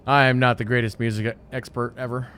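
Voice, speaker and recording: A man's voice: mid-range voice, little pitch movement, fast talker, fairly bright tone, a little hiss or hum. A man in his thirties streaming a game, chatting casually in a joking, self-mocking, rambling way. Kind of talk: casual chat. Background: game music.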